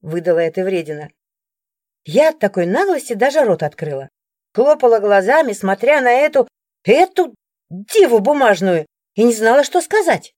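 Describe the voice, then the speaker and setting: Expressive woman narrating an audiobook. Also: fairly high pitch, moderate pace, no echo, clean studio sound. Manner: expressive, animated storytelling. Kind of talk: first-person audiobook narration.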